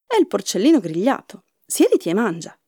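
A woman voicing a scary but kindly female giantess in a storybook tale, loud and bossy. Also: medium pitch, huge pitch swings, fairly quick, husky, no room sound, clean studio sound, heavily acted. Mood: soothing.

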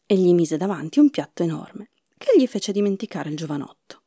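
A woman reads a fairy tale aloud, her pitch rising and falling with the drama of the story. Her voice is mellow and slightly husky, and the recording is dry and close. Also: fairly quick, dry recording. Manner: expressive storybook narration.

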